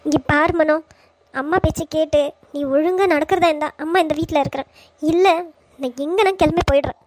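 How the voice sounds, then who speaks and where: A woman's voice: sits high, steady tone, a little fast, darkish tone, slight background noise, lightly acted. A woman voicing a hurt mother in a Tamil cartoon, talking in an emotional, pleading way. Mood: upset.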